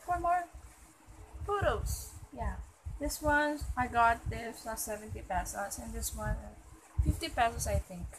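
A woman's voice: on the high side, noisy background. A young adult woman with a Filipino accent, chatting casually as a vlogger in a haul video, recorded in a small room at home. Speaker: vlogger showing shopping haul.

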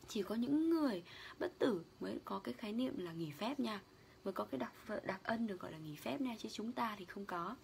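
A woman from Vietnam giving an English vocabulary lesson as a lecturer. She explains word stress and meanings step by step, and reads English quotes slowly. A faint background noise sits under her voice. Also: mid-range voice, expressive, gravelly.

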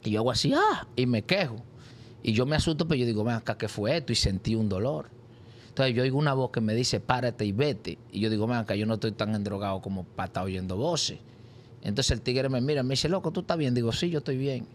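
A man tells his story as an interview guest. He slips into the voices of the people in it, now and then with sudden high cries. Faint background noise sits under his voice. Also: quick pace. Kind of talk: animated personal testimony.

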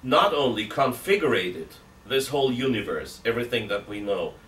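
Middle-aged priest reasoning aloud, roomy sound. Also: male voice, medium pitch, expressive, moderate pace, fairly bright tone. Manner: reasoning aloud, emphatic rhetorical questions; gestures with both hands while talking. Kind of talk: seated catechism talk. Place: indoor room with armchair. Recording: roomy, distant from mic, faint hiss.

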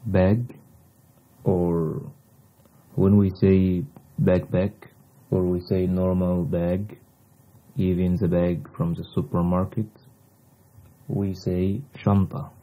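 A man whose native language is Arabic, teaching a language lesson in deliberate, halting short phrases on a slightly dull recording. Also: sits low, level tone. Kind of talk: slow instructional language lesson.

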